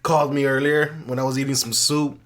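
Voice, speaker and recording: A man's voice: mid-range voice, flat delivery, fast talker, crowd noise. A man sick with the flu and a swollen throat, chatting casually and bluntly as a podcast co-host. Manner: blunt, freely swearing.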